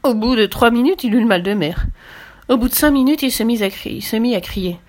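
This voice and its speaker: A woman reading a children's story aloud in French, steady and expressive. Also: fairly high pitch, a little fast.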